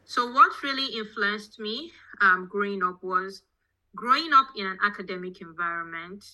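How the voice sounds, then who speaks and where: A petroleum engineering professor with a Nigerian accent appears as a podcast guest, answering interview questions conversationally as she recounts her own background. Her medium-pitched voice is strikingly bright and forceful with a keen edge, delivered at a moderate pace over a rough recording.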